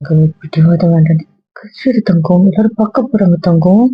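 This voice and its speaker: A woman acting as a gentle, coaxing wife in a homemade family drama, speaking softly with a slightly husky tone. The sound is muffled and dry. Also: lowish voice, fairly quick.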